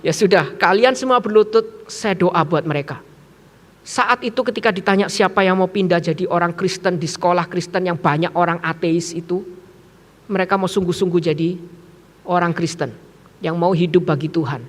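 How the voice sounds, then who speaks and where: Animated high-voiced male preacher. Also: moderate pace, in a large hall. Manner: animated, shouts for emphasis, acts out dialogue. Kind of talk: sermon with storytelling. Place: church sanctuary.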